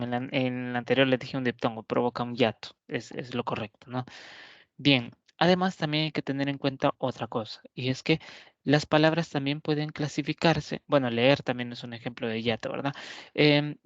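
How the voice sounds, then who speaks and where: A man teaching a grammar lesson to camera, unhurried, with many fillers and self-corrections. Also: mid-range voice, no echo, lo-fi sound.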